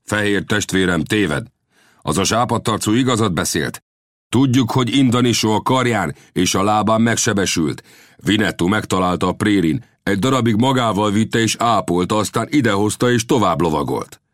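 A man's voice: lowish voice, no echo, clean studio sound, voice pushed up, lightly acted. A man voicing an arrogant warrior band leader in an audiobook, speaking in a haughty, curt way.

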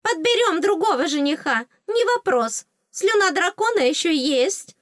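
Woman putting on a squeaky cheeky tooth fairy. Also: a little slow, no echo, clean studio sound. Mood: teasing. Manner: squeaky, excitable, teasing. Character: small cheeky giggling female tooth fairy. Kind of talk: audiobook character voice.

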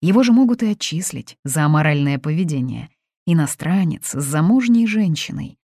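A woman's voice: low-pitched, animated, normal speed, mellow, no echo, clean studio sound. A woman reading aloud, voicing a blunt, matter-of-fact young woman friend. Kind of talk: audiobook reading.

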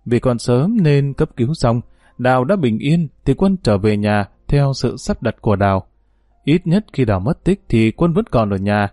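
Man narrating a story in a mellow voice. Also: medium pitch, dry recording, clean studio sound.

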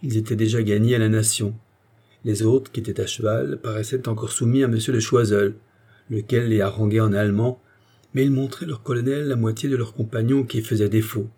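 Low mellow guy reading an audiobook, dramatic and expressive, a bit husky. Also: fairly quick. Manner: expressive, theatrical delivery. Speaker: audiobook narrator.

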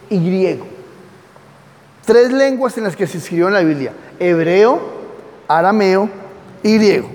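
A man's voice: sits high, darkish tone, long reverb tail. A man teaching a Bible class, reading from notes and often asking his listeners questions. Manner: conversational, asks the audience questions; reads aloud from notes and comments. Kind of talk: classroom lecture.

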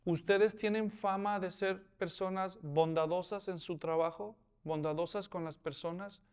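Here a man gives an expository sermon, performing the scenes in character and asking the congregation questions. His high-sitting voice is steady, unhurried, a little mellow and smooth.

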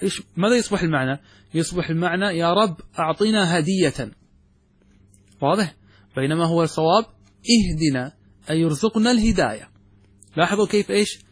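Husky-voiced man teaching a religious text. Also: on the high side, dry recording. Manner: explains step by step, often checking understanding; poses questions then answers them. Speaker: sheikh teaching Islamic jurisprudence. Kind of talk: classroom commentary on a text.

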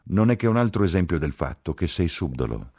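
A man's voice: rumbling low, expressive, fairly quick, darkish tone, breathy edge, no room sound, clean studio sound, exaggerated voice. A man voicing a distraught, reproachful woman nurse in an audiobook reading. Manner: reproachful, tearful outbursts.

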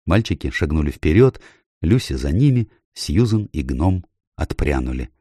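A man reading an audiobook aloud in a measured, expressive storytelling manner. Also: very deep voice, slightly rough, no room sound, studio quality. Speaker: audiobook narrator. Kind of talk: scripted audiobook narration.

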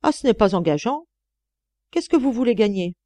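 A cruel, scornful old woman of an audiobook, imperious and cutting as she sizes up a maid, put on by a woman reader. Her voice sits high and is pushed loud and sharp. It has a mellow undertone in a dry, close recording. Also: animated, moderate pace, no room sound, close to an everyday voice.

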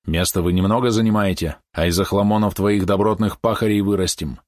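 A man reading aloud, voicing a big, plain-spoken village uncle speaking in a hush. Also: fairly low pitch, fairly even intonation, brisk, dry recording, studio quality, lightly acted. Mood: coaxing. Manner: hushed persuasion. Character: broad-shouldered peasant uncle, plain-spoken.

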